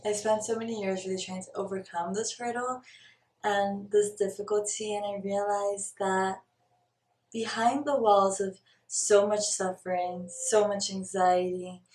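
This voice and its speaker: A young Brazilian woman shares reflective, earnest thoughts to camera in her spiritual vlog, occasionally halting as she looks for a word. She speaks a little slowly in a mid-range, darkish voice with a steady tone, recorded roomily with the mic set back.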